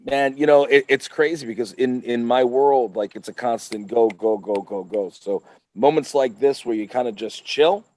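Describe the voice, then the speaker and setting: A man's voice: medium pitch, moderate pace, warm tone. A man talking as a guest on a podcast, upbeat and emphatic, with motivational swings in his speech. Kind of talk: casual podcast chat.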